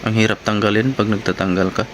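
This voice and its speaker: Speaking fast in a fairly low voice, a male vlogger reviews gear casually for viewers using short, informal phrases. A steady hum runs underneath, leaving the recording clearly noisy.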